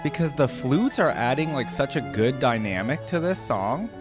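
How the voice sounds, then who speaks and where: As a video host giving casual reaction commentary, a man speaks with an animated, medium-pitched voice at a moderate pace. He is enthusiastic and conversational, addressing his viewers as "guys," over background music.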